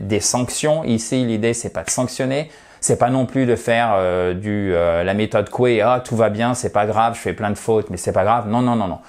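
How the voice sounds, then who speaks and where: A man's voice: mid-range voice, a little mellow. Male teacher, casual online lesson, chatty, reassuring, friendly asides. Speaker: English teacher.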